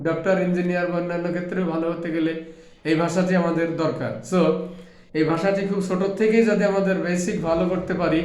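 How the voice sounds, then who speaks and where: A high-voiced man speaks earnestly about teaching, pleading and ticking off terms one by one. He drops English words into his speech. The room around him is echoey. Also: flat delivery, fast, darkish tone. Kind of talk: earnest spoken talk.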